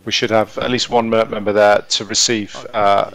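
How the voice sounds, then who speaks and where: A man's voice: lowish voice, level tone, moderate pace, a bit bright, low-quality recording. A man running a military-style briefing over game voice chat, orderly and directive. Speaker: player acting as military briefing leader.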